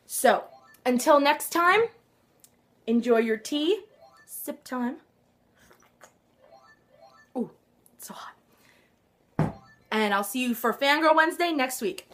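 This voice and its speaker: A woman talks straight to a handheld camera in a casual fan vlog, gushing and excitable and sighing often. Her voice sits a little high, and her nose sounds slightly stuffed up. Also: measured pace. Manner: gushing and excitable, with frequent sighs. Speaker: vlog host.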